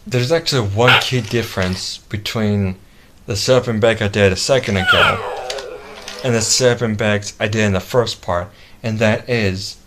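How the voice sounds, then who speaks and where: A man giving a casual product demonstration as a reviewer, speaking haltingly and often repeating and restarting his phrases. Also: fairly low pitch. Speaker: toy reviewer. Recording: clearly noisy home-video recording.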